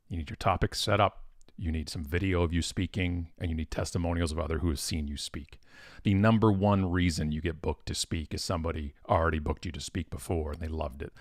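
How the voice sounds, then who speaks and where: Man, low voice, dry close mic; casual live-stream host, excitable and rambling. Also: no echo. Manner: animated, bursts of excitement, frequent fillers and restarts. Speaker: professional speaker.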